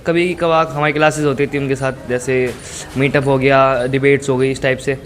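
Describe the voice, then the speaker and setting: A man's voice: mid-range voice, little pitch movement, moderate pace, slight background noise. A young man, a college student, answering a street interview in a hesitant, casual way with English words mixed in. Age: young adult.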